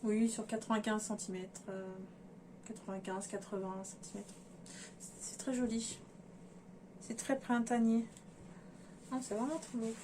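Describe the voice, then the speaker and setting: A sewing vlogger talks her viewers through fabrics in a chatty way, hesitating and thinking aloud with lots of fillers. Her slightly high, slightly mellow voice is fairly even in intonation and a little slow, with long pauses. There's slight background noise.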